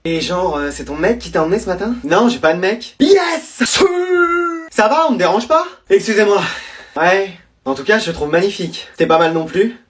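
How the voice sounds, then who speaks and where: A performer in short French comedy sketches, trading quick teasing dialogue among school and family characters. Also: medium pitch, animated, slight background noise.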